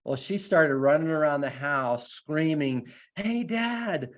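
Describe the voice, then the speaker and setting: A man's voice: on the high side, steady tone, a little slow. A man speaking as a guest, giving an earnest, enthusiastic motivational talk and then answering questions, often restarting his sentences.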